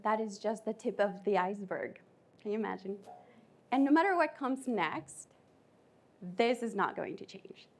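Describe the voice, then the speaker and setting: A woman from Colombia with a Colombian Spanish accent, giving a lively conference talk to an audience. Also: medium pitch, normal speed. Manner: lively, audience-engaging presenter. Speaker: conference speaker.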